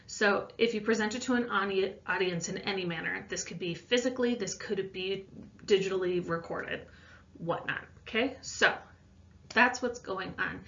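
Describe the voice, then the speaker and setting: Her mid-range, fairly bright voice carries an informal voice-over lesson in which this science teacher loosely explains an assignment. The mic is distant, so the audio sounds a little muffled.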